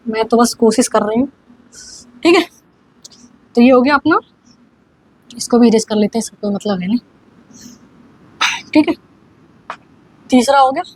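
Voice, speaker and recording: A young woman teaches English grammar in a casual online lesson, often checking that students are following and dictating examples word by word. Her voice sits high, and the recording is rough.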